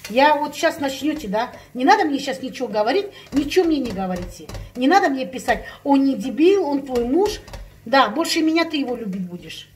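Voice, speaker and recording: A Russian-speaking vlogger living in Spain rants to her viewers in a casual, heated chat, hammering points home by repeating herself. Her high voice is animated and fast with few pauses, over a faint hiss or hum.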